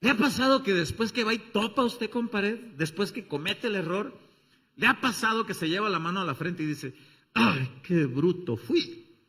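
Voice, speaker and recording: A man preaching a sermon as pastor, talking straight to the congregation and acting out little scenes with shouted voices. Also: high-pitched, fairly quick, slightly rough. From Mexico. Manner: animated, acts out everyday scenes with shouted voices; addresses the congregation directly with questions.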